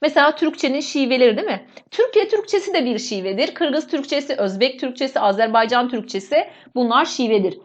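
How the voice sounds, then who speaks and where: A woman's voice: sits high, lo-fi sound. A woman teacher going step by step through an exam, explaining each answer to her students. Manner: explains step by step, often addresses students as "friends". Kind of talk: exam walkthrough lesson.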